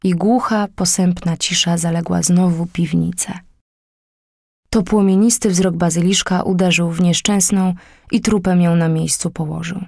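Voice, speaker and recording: Husky woman narrating a tale. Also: lowish voice, steady tone, normal speed, a little mellow, dry recording, clean studio sound. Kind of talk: audiobook narration of an old tale.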